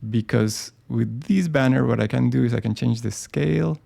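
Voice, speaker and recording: A man presents design software in a live screen-share tutorial, talking it through as he works. His medium-pitched voice is heavily gravelly and warm, his delivery relaxed and unhurried, and he thinks aloud casually, often pausing on ums and restarting sentences.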